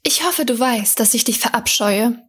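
A woman reading the lines of a prickly young water girl in a storybook, curt and scornful, with a breathy voice. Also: on the high side, moderate pace, fairly bright tone.

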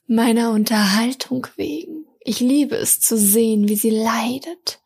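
Woman reading as a sadistic water god, cold and gloating, breathy. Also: on the high side, unhurried, darkish tone, full character voice.

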